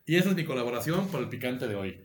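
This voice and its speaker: A man with a Mexican accent co-hosting a comedy podcast, reading a listener's story aloud in an animated way and laughing often. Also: mid-range voice, racing, echoey room. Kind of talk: casual comedy podcast banter.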